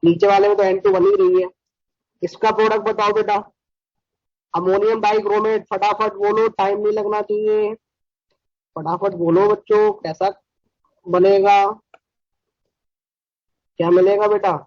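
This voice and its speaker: A man teaches a chemistry lecture with a high-pitched voice. He sounds brisk and scolding as he keeps pushing his students to answer quickly. The recording is dry and dull, with a lo-fi edge. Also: level tone, dry recording.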